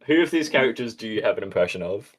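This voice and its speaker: A man's voice: fairly low pitch, lively intonation, fast talker. A man co-hosting a podcast, joking and teasing the others in casual chat. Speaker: podcast co-host.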